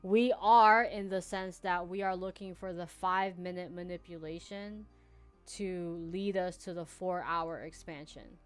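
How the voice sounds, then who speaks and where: Woman, low-pitched, chatty, laughs easily, faint music behind. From United States (Hawaii and Virginia). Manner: chatty, laughing, reads out viewer chat. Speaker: trading streamer. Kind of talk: casual live backtesting commentary.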